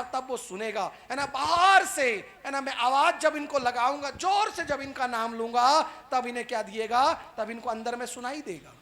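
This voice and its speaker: Guy preaching, high voice, keeps asking the crowd "right?" over and over, goes loud then soft. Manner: peppers every point with rhetorical "right?" tag questions; asks the crowd question after question, then swings between loud calls and quiet asides. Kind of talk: sermon to a live congregation.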